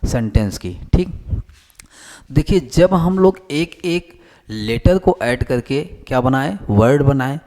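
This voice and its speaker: A man's voice: medium pitch, expressive, mellow. Male English teacher lecturing. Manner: repeats points as questions to the class; dictates definitions slowly while writing on a board. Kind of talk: classroom lecture.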